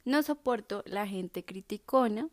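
Woman on a podcast, blunt and jokey, casual talk, medium pitch. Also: lively intonation, measured pace, darkish tone. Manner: blunt, emphatic, joking. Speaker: podcast co-host. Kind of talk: casual chat.

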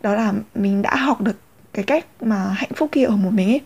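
A woman's voice: mid-range voice, fairly quick, darkish tone, breathy edge. A young woman, rambling candidly in a casual confessional vlog. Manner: rambling, many fillers and restarts, candid. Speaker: vlogger.

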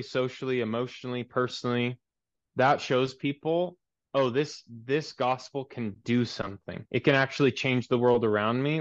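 A young man in his twenties talks earnestly about church life in a preacherly way. His voice comes through a muffled, lo-fi line with a dry, close sound and no room around it. He sits at a middling pitch for a man. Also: no room sound. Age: 20s. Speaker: pastor and guest. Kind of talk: podcast interview.

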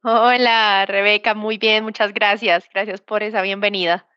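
A woman's voice: mid-range voice, level tone, normal speed, no room sound. Colombian woman, 30s, bogota accent, lots of um and restarts, dry muffled lo-fi sound. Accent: Bogotá Colombian Spanish. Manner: hesitant, many fillers and restarts. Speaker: guest. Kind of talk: conversational interview. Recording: dull lo-fi remote audio.

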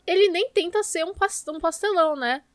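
A woman's voice: extremely high pitch, moderate pace, dry recording. A Brazilian woman co-hosting a podcast in casual film discussion, with an informal, opinionated and emphatic way of talking. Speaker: podcast co-host.

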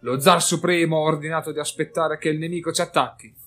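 A man voicing a stern male warrior who shouts out orders, with faint music behind. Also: fairly high pitch, fairly even intonation, quick pace, pitched above the performer's own voice, close to an everyday voice. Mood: commanding.

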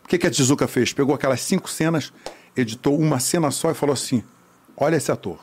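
A man telling a lively anecdote about his acting career, acting out the other people's voices. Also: medium pitch, quick pace, breathy edge. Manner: animated storyteller, acts out voices. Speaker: actor telling a story. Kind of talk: casual anecdote.

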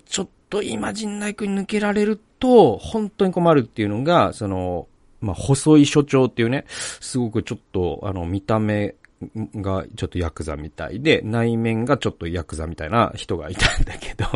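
A man's voice: medium pitch, lively intonation, normal speed, no echo. A man hosting a podcast, telling a rambling personal story with many fillers before turning to reflection on the Bible. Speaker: podcast host. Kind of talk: casual monologue leading into Bible reflection.

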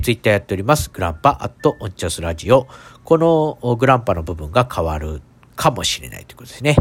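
A man hosting a casual solo podcast in a stuffed-up, nasal voice, talking in a hesitant, rambling, apologetic way. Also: mid-range voice. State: congested nose. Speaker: podcast host.

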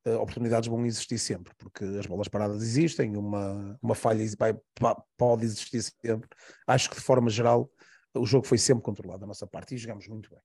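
A man's voice: fairly low pitch, steady tone, fast, mellow, husky. A man with a Portuguese accent, a panelist who talks football on a podcast, going over points and correcting himself as he goes. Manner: repetitive, listing points, self-correcting. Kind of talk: casual podcast football analysis.

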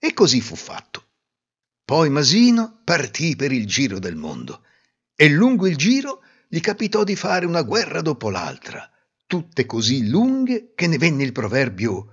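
A man narrating a folk tale in an expressive storytelling manner. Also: fairly high pitch, unhurried, slightly rough. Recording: roomy reverb, dull lo-fi sound.

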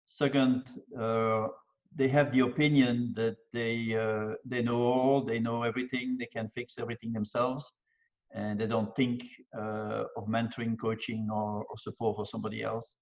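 An older man, a business mentor guest speaking in a measured, methodical way. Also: mid-range voice, flat delivery, highs cut off. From Belgium. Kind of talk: casual interview talk.

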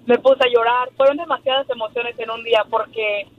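A woman calling in to a sports radio show, hoarse from yelling, chatting casually as a fan. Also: fairly high pitch, fairly even intonation, brisk. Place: on a phone call to a radio show. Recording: dull band-limited phone line, music behind.

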